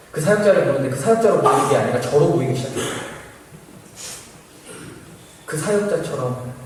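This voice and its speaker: A young man tells his missionary testimony quickly, his pitch jumping about as he acts out what people said. He sounds far from the microphone, with a long echo filling the big church hall. Faint room noise sits underneath. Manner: animated storytelling, acting out quoted speech. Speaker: apprentice missionary giving testimony. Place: large church sanctuary.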